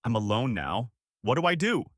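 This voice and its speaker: A man voicing an older village man who yells urgently in a story. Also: mid-range voice, very animated, moderate pace, no room sound, studio quality. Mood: urgent yelling. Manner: yelling, urgent.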